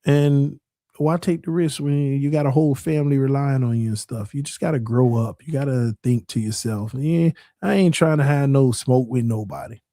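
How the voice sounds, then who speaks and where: With a mellow, mid-range male voice at normal speed, a forty-something sports podcaster holds forth in a casual, preachy monologue. He's earnest and repeats himself, working up to emphatic preaching, on a dry, clean studio recording.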